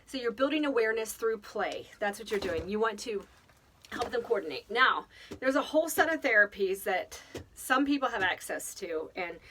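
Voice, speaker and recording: A woman's voice: a little high, expressive, moderate pace, fairly bright tone, recorded from a distance, slight background noise. A woman giving casual, rambling parenting advice, thinking aloud and laughing often. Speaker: speaker on children's faith formation.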